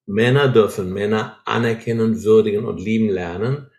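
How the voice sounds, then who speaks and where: A man's voice: on the low side, moderate pace, a little mellow. A man explaining ideas in an earnest way, often checking in with short tags like "right?", in a conversation. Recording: roomy echo.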